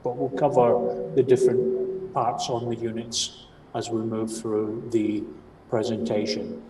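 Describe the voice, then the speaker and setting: A man's voice: mid-range voice, little pitch movement, measured pace, mellow. A man with a broad Scottish accent giving a training presentation, explaining step by step and often checking that listeners follow. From Scotland. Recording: distant mic, roomy echo, faint noise.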